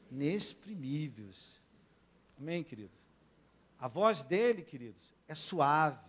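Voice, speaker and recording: High-voiced, slow-speaking male pastor preaching. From Brazil. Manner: keeps asking the congregation for amens, swings between soft and loud. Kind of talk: sermon. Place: church.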